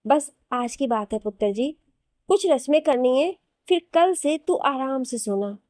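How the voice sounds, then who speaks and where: Motherly middle-aged mother-in-law, read by a woman narrator in an audio story, fond but stern, mellow tone, dry booth. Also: high voice, expressive, measured pace, no room sound. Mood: affectionate. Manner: motherly and scolding by turns. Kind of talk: Hindi audio novel reading.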